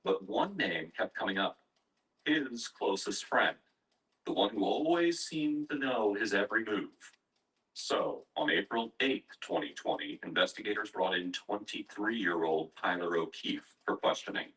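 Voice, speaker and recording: A man narrates a true-crime story in a measured, grave tone. His voice sits a little low but sounds bright and clear in tone. The recording is picked up from a distance. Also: lively intonation. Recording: distant, heard from afar.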